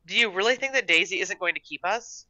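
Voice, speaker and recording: A woman reading a short story and voicing a timid, earnest little girl in a high, pleading voice, on a dull, dry recording. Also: fast, bright, forceful tone, dry recording. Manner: high, pleading and wide-eyed.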